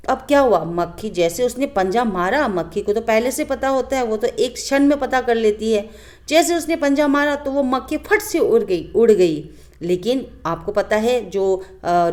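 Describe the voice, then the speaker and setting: A woman teacher walks young pupils through a storybook chapter. Her voice sits a little high, and her storytelling is animated. She keeps turning to the class with questions. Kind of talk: explaining a children's story lesson.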